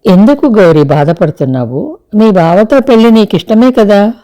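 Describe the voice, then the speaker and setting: A woman voicing a kind young husband who speaks softly and reassuringly in an audio story. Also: medium pitch, lively intonation, normal speed, pitched above the performer's own voice, close to an everyday voice. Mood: gentle. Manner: soft, reassuring.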